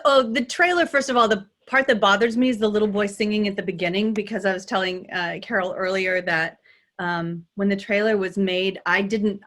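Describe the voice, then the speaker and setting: A woman talks as a dialect coach in a casual interview. She is animated and laughs easily, restarting her sentences as she thinks aloud. Her voice sits at an ordinary middle pitch. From United States. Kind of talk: conversational interview.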